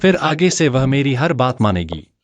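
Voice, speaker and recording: A man's voice: medium pitch, very animated, moderate pace, no echo, muffled recording, soft background music, natural voice. A man playing an arrogant, bossy young rich husband in a dubbed short drama, talking in a boastful, domineering way. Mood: smug. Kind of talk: Hindi dub of a short drama.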